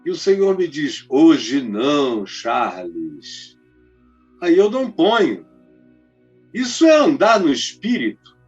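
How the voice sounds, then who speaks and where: A man's voice: high voice, sing-song, moderate pace, slightly rough. A man preaching in an emphatic, colloquial storytelling style. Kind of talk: storytelling sermon. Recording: dull lo-fi recording, faint music.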